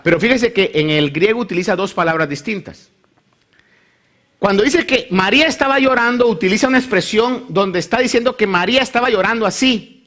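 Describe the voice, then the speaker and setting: A man's voice: sits high, a little fast. A male pastor preaching a sermon, reading scripture and acting out the people in the story. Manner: animated preaching, acts out voices of the Bible story.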